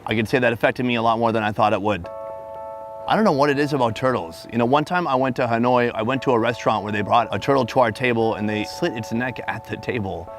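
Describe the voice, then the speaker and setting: A man's voice: mid-range voice, fast. An American man talking casually as a vlog host. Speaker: show host. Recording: loud music behind talk.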